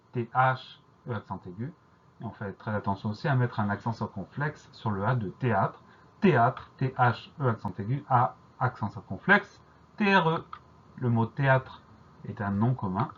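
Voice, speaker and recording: A man teaching a French spelling lesson, spelling words slowly and carefully letter by letter. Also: mid-range voice, breathy edge. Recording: dull lo-fi recording.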